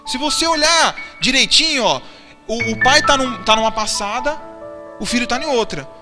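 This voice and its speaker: In a church hall with long reverb and faint music, a man with an extremely high voice preaches animatedly at normal speed. He poses questions to the congregation and answers them himself.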